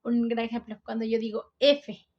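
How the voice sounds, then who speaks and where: Teenage girl, Peruvian coastal accent, slightly high voice, school explainer, step-by-step delivery. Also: fairly even intonation, normal speed, highs cut off. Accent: Peruvian coastal Spanish. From Peru. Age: teens. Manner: explains step by step, often says "entonces". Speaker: student presenter.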